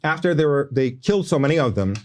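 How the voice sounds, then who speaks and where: A man's voice: a little high, lively intonation, fast. A man in his forties who grew up in the Middle East, arguing insistently in a debate and pressing on through interruptions. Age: 40s. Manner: insistent, long-winded, talks over interruptions. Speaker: debate guest. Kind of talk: heated debate argument. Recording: played clip from a debate.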